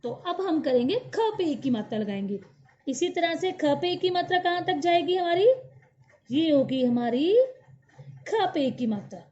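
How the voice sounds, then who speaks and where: A woman's voice: high voice, animated, a little slow, darkish tone. A woman teaching a children's Hindi alphabet lesson, patiently repeating each syllable aloud for the class to follow. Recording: dull lo-fi recording.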